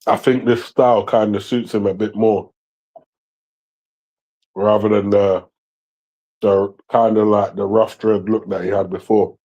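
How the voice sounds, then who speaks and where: A man's voice: fairly low pitch, flat delivery, dark tone, rough recording. A man casually commenting on a football match as he watches live, talking with many fillers and his mouth full of food. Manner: slow, hesitant, many fillers; talks while eating. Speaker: watchalong streamer.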